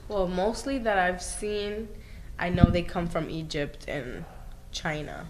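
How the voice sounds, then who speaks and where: A woman's voice: on the low side, takes it slowly. A young female student giving casual, somewhat hesitant interview answers. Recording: noisy background.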